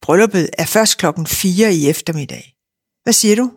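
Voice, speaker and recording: A woman reading aloud and voicing a big, brisk, middle-aged farm wife who talks a lot and gives orders, in a dry recording. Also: fairly low pitch, breathy edge, dry recording. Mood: chatty. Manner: bossy and chatty.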